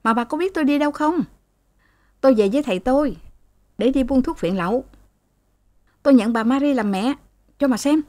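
Sulky young guy , a lady reader doing him, high whiny voice, talks fast and sharp. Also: dry recording, lightly acted. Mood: sulky, defiant. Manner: sullen, quick and whining. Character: sulky spoiled young man, threatening his mother. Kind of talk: audiobook character reading.

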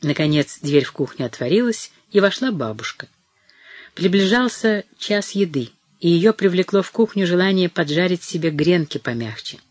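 A reader narrating a dramatic novel in a measured, storytelling manner. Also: medium pitch, lively intonation, no room sound. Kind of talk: audiobook narration.

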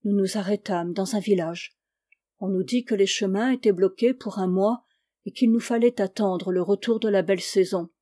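Mellow-voiced woman reading a tale aloud. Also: mid-range voice, normal speed. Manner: expressive, dramatic storytelling. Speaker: audiobook reader. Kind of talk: literary audiobook narration.

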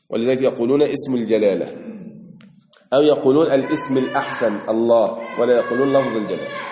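A man's voice: medium pitch, a little mellow. A man with an Egyptian accent giving a mosque lesson on a creed text, reading passages aloud and explaining them, drawing out key words as he goes. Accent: Egyptian Arabic. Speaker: Islamic teacher. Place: mosque hall. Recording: echoey hall with long reverb.

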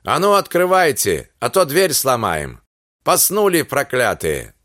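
Brief: coarse armed Cossack trooper, read by a man, loud and threatening, high strained shouting, dry close sound. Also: very animated, a little slow, no echo, heavily acted. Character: rough loud armed Cossack soldier, male.

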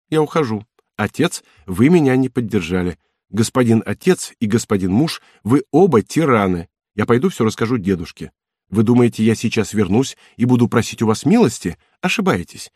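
A man's voice: mid-range voice, darkish tone, breathy edge, no room sound, clean studio sound. A man reading an audiobook, voicing Cosette, a playful young wife who pouts, teases and pleads in a capricious way. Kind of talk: audiobook character voice.

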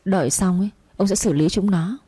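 A woman's voice: medium pitch, brisk, mellow, slightly rough, dry recording, lightly acted. A woman voicing an enraged old husband and head of the house who barks stern orders.

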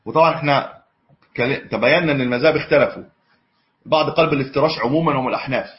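A man's voice: mid-range voice, rapid-fire. A man teaching a religious lesson on hadith, mixing classical with colloquial asides and correcting himself as he goes. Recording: dull lo-fi lesson recording.

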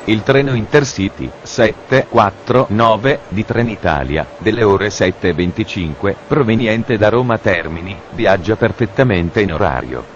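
A man's voice: on the low side, unhurried, hardly any pauses, dull audio, slight background noise. Man announcing over a station PA. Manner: formal, deadpan announcer delivery. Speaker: parody train station announcer. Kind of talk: mock railway announcements.

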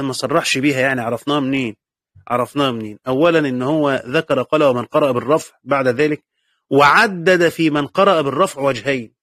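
In a fairly high-pitched voice, a man with an Egyptian Arabic accent teaches a lesson on Quran commentary as a classroom lecture. He patiently asks and answers his own questions and goes back over key points. The audio is dry and clean, of studio quality.

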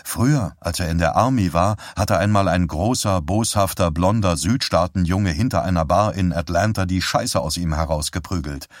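Deep-voiced male audiobook narrator. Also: normal speed, hardly any pauses, no echo, clean studio sound. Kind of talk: scripted narration.

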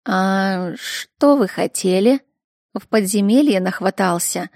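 A woman reading a story aloud, voicing a cheeky, cat-like man who drawls slowly and fawns. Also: mid-range voice, darkish tone, dry recording, clean studio sound. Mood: drawling.

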